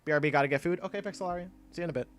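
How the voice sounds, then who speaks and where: Speaking very fast in a voice on the high side, a young man rambles through a casual livestream chat, reading and answering viewers. He's congested with a stuffy nose and keeps interrupting himself and laughing.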